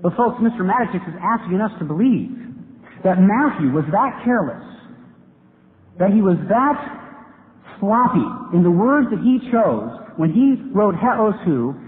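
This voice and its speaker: A man's voice: high-pitched, very animated, measured pace. A man giving an earnest debate speech to a live audience in a large hall, building to emphatic points. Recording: tinny lo-fi hall recording with hiss.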